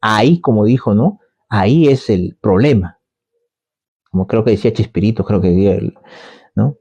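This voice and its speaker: A man's voice: on the low side, expressive, moderate pace, dark tone, breathy edge. A man preaching a conversational sermon, repeating his phrases and asking rhetorical questions.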